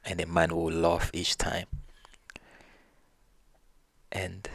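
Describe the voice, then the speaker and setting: A man telling folk stories casually, in a relaxed way with frequent restarts. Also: deep voice, extremely slow, creaky, no echo. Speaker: storyteller. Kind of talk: casual folk-tale storytelling.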